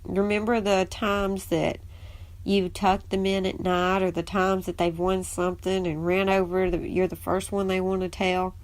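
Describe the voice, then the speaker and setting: A woman with a drawl tells family stories in a loose, chatty way, like a host giving advice to other stepparents. Her voice sits at a middle pitch and is recorded close, with almost no room sound. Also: normal speed, no echo. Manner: chatty storyteller, animated when quoting the kids. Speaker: podcast host, stepmom. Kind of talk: casual advice monologue.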